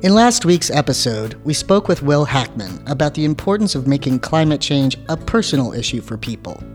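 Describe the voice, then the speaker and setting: A man co-hosting a podcast, calmly reading a scripted recap and asking the guest questions. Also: on the high side, moderate pace, faint music behind. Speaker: podcast co-host. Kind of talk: scripted intro and interview questions.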